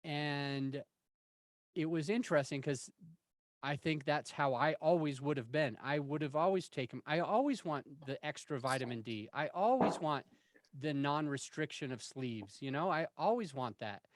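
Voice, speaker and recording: A man's voice: on the high side, lively intonation, moderate pace, dry recording. A man of forty-one telling candid, self-deprecating stories in a casual interview, rambling and restarting his sentences. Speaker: interview guest.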